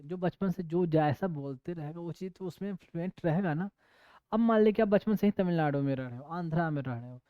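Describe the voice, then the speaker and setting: A man's voice: high-pitched, clear, resonant tone, no echo. A man teaching an exam coaching class in a casual, digressive lecture style, often mixing in English terms. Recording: dull lo-fi dry recording.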